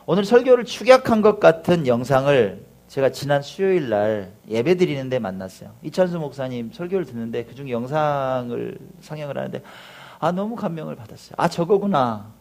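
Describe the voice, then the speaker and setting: A man's voice: medium pitch, fairly quick, gravelly, few pauses. A man preaching a sermon as pastor, telling a story with acted-out voices and sound effects and calling out to the congregation for replies. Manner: animated storytelling, acts out crowd cheers and crashes.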